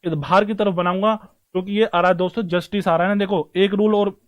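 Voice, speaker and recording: A man's voice: sits high, steady tone, a little fast. A man teaching stenography in an online class, talking to his students as brothers and friends while he writes strokes and explains them.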